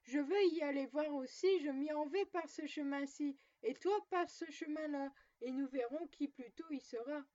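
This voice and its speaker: A woman's voice: high voice, moderate pace, few pauses, mellow, no echo, natural voice. The Big Bad Wolf, sly and hungry, as a woman puts him on. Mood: coaxing. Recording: dull lo-fi recording.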